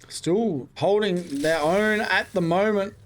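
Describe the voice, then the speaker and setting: A man's voice: high voice, a little hiss or hum. A young man doing casual live play-by-play commentary on an esports match. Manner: quick, running play-by-play with casual asides. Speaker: esports caster.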